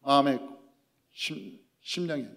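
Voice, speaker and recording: A man preaching as pastor, telling a story and acting out dialogue, moving between loud emphasis and hushed prayer. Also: mid-range voice, animated, a little slow. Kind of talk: sermon. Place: church sanctuary. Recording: reverberant church hall.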